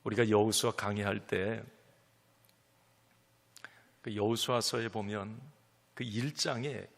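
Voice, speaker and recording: A man preaching a sermon as pastor, emphatic, swinging from loud calls to near whispers, in a church sanctuary. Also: lowish voice, steady tone, slow, gravelly, long reverb tail.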